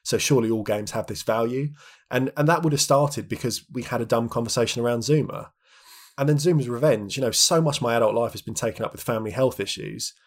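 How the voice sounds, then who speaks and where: A husky man in his thirties talks in a loose, reflective way, as a podcast co-host. His pitch sits in the middle. He restarts phrases often and leans on little fillers as he thinks aloud. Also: quick pace. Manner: chatty, many restarts and "like" fillers. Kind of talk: reflective casual chat.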